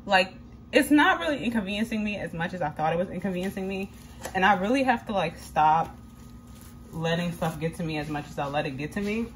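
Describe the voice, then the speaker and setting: A woman's voice: on the low side, animated, a little fast, slight background noise. A young woman talking casually to her vlog audience while cooking in her kitchen, chatty and candid, filling her talk with "like" and casual swearing. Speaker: vlogger. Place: home kitchen.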